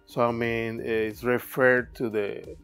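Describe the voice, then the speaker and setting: In a cluttered indoor workshop, with faint music in the background, a Cuban artist talks reflectively about his art. His mid-range voice is smooth, a little bright, and flat in delivery, and his Spanish-accented English comes out thoughtful and grammatically halting.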